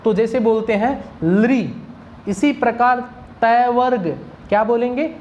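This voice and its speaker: A woman's voice: fairly high pitch, a little slow, darkish tone, muffled recording, slight background noise. A woman teaching Sanskrit pronunciation, drilling single sounds and answering her own questions to the class. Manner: asks questions and answers them herself; drills sounds one at a time. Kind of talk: pronunciation lesson.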